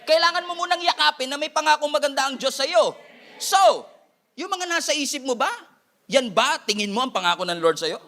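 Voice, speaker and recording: A Filipino-accented pastor preaches with energy, mixing Filipino and English and tossing playful asides to his flock. His voice sits high for a man and rings bright and forward. The delivery is a lively sermon. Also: a little fast, gravelly.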